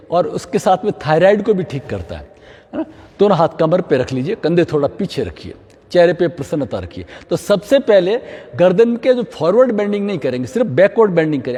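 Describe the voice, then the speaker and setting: A middle-aged man guides a yoga class, his voice high and lively as it rises and falls. The tone is mellow and a little husky. It carries a long reverb from a hall. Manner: mixes English phrases into Hindi, frequent "है ना?" check-ins. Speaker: yoga instructor.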